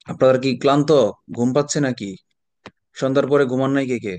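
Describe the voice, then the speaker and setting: A middle-aged man with a Bangladeshi Bengali accent gives an online exam prep lecture. He is chatty and wanders into stories, dropping English words as he goes. His voice sits at a medium pitch and is recorded close and dry, with no room sound. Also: steady tone, brisk, darkish tone, dry recording.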